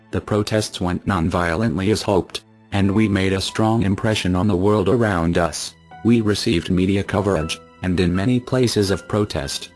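A man delivering a formal, measured scripted statement as an anonymous spokesperson, his voice disguised to sound deep. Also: darkish tone. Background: music.

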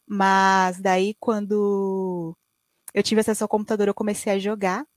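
A woman's voice: mid-range voice, little pitch movement, unhurried, no room sound. A young Brazilian woman in her late twenties speaks through a gaming headset in her bedroom. Her tone is friendly and conversational, often tagging sentences with a questioning "right?", and the sound is dry and close. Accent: Brazilian Portuguese. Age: 20s. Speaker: guest streamer. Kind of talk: conversational interview answers.

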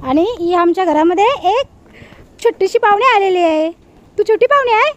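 A woman's voice: very high voice, animated, moderate pace, no room sound. A woman with an Agri Marathi accent, from near Thane, vlogging outdoors in a village yard and coaxing a toddler in a sing-song voice. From Bhiwandi area near Thane, India. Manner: sing-song and coaxing when talking to the child. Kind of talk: casual vlog narration while minding a toddler. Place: outdoors in a village yard under a coconut tree.

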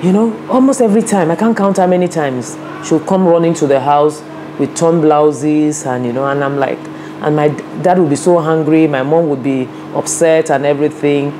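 Seated at her desk in an office with a big window, a Nigerian woman in her 50s, a women's rights advocate, reflects earnestly on her life story for a camera across the desk, often adding "you know." She speaks in a low voice at a moderate pace over a noisy background.

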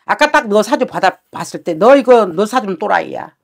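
A woman's voice: mid-range voice, expressive, fairly quick, gravelly. A woman shaman giving a fortune-telling session, talking bluntly and scolding with coarse words.

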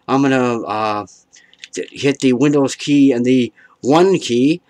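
A man's voice: medium pitch, takes it slowly, darkish tone, rough recording. A man hosting a home tech show, talking step by step in a hesitant, casual way, with many fillers and restarts, recorded by a camera across a dim room at home.

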